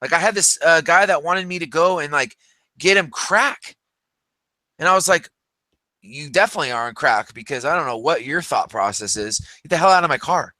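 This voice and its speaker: A man in his thirties talks loosely and at length, circling back with fillers and false starts. His voice is very bright and a little high for a man. The sound is dry and close. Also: lively intonation, normal speed, no echo. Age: 30s. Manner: rambling, many fillers and restarts. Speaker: podcast co-host. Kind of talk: casual chat.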